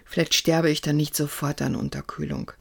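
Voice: medium pitch, flat delivery, moderate pace, gravelly, a bit bright. Narrator doing Marie, a curt bossy girl. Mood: grumbling. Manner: curt, dry and cutting. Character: bossy, sharp-tongued, gloomy girl.

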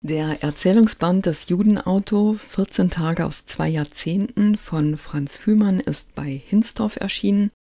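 A book podcast host giving a dramatic literary reading aloud, breaking into loud shouting for the quoted cries. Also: medium pitch, unhurried, few pauses, no room sound, clean studio sound.

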